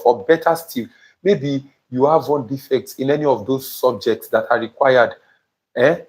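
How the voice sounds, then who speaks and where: A man's voice: mid-range voice, darkish tone. A young man with a Nigerian accent, teaching a live session on a lapel mic and often asking viewers whether he makes sense. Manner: emphatic, repeatedly checks in with viewers. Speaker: admissions tutor. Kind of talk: live-streamed teaching talk. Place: indoor studio before a printed banner. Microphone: small lapel mic.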